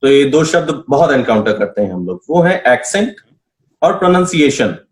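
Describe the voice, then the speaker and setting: A man's voice: medium pitch, big pitch swings, moderate pace, echoey room. A man interviewing a guest, asking questions politely and calling him sir. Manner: polite, brief acknowledgements, addresses guest as sir.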